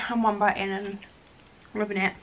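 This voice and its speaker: A woman's voice: mid-range voice, little pitch movement, moderate pace. A young British woman in her twenties chatting casually in a home vlog, bubbly and giggly, rambling as she goes. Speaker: vlogger. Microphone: handheld camera.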